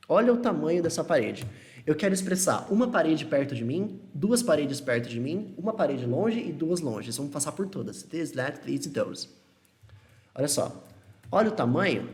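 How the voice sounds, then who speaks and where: A young man with a Brazilian Portuguese accent teaching English live, answering viewers and slowing down to model each phrase. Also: on the high side. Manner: patient, explanatory, slows to model English phrases.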